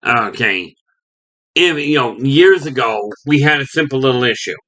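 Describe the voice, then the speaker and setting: A man's voice: mid-range voice, lively intonation, moderate pace, pushed and bright, poor audio. A man from Canada giving a rambling opinion monologue as a video host, often restarting and saying "okay".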